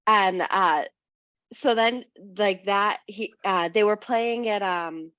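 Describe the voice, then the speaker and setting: A young woman from New Hampshire, a podcast guest telling a long anecdote casually, full of "like" and "um", and lively when she quotes people. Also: mid-range voice, takes it slowly, dry recording. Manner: rambling, heavy use of "like" and "um"; animated when quoting others. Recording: dry, slightly muffled podcast mic.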